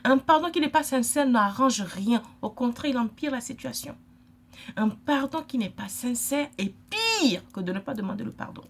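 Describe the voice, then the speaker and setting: A woman's voice: on the high side, lively intonation, normal speed. A middle-aged woman from Africa, giving an emphatic, lecturing vlog monologue and repeating her points. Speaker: vlogger.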